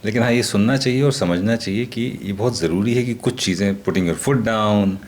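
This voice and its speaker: A man from Kanpur hosting a podcast interview, asking measured, deliberate questions. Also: fairly low pitch, a little mellow. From Kanpur, India. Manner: measured, deliberate questions mixing Hindi and English. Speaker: podcast host.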